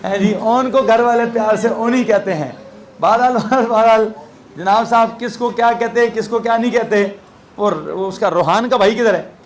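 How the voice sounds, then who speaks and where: High-voiced Pakistani teacher quizzing his class. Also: moderate pace, a little hiss or hum. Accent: Pakistani Urdu. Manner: conversational, quizzing students with playful asides. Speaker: physics teacher. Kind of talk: classroom lecture.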